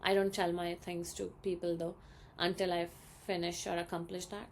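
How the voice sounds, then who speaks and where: A young woman with an Indian English accent, chatting casually in a storytime vlog, acting out quoted lines in a higher voice. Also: flat delivery, moderate pace, a little hiss or hum. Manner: chatty, many ums, acts out quoted dialogue in a higher voice. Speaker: vlogger.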